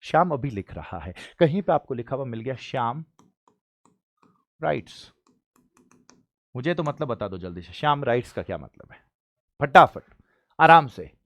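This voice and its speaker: A man from India teaching an exam-prep English lesson, pressing students with quick questions and spelling out example sentences slowly. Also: mid-range voice, big pitch swings, no echo. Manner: urges students to repeat sentences, drills with rapid questions.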